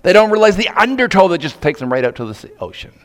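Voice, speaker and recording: Preacher, widely swinging high pitch. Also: male voice, big pitch swings, fast. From Nova Scotia, Canada. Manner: emphatic, dramatic delivery swinging from hushed to loud. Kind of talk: sermon to men, storytelling with pointed rhetorical questions. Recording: reverberant hall.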